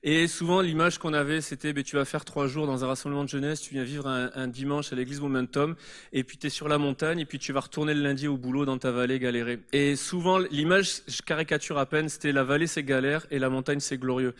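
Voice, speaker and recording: A man's voice: a little high, fairly even intonation, fairly quick, a bit bright. A man being interviewed as a guest author at a church service, explaining his ideas in an earnest, reflective way. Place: church service before a congregation.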